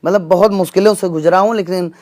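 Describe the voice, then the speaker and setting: Male comedian, earnest interview guest, a bit high-pitched. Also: steady tone, quick pace, darkish tone. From Gonda region, northern India. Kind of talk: interview answers.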